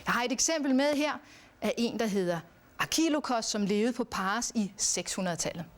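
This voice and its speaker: A woman giving a recorded lesson on poetry, speaking in a measured way and chanting verse rhythms aloud. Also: on the high side, animated. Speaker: teacher. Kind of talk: educational lecture.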